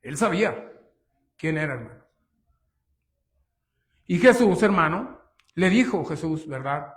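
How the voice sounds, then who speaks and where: High-voiced emphatic preacher man. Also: lively intonation, measured pace. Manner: emphatic, rhetorical questions, often says "hermanos". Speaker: pastor. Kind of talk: sermon.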